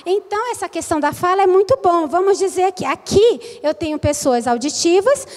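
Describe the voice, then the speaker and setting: A woman lectures in a high, lively voice. She teaches with animation and acts out her examples in different voices, and her words carry a long hall reverb. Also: moderate pace. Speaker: lecturer training church children's workers.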